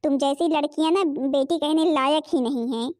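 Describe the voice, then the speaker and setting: A woman voicing a spoiled, rude young stepsister in an animated cartoon, whiny and demanding. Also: sits high, a little fast, no room sound, studio quality, close to an everyday voice. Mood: mocking.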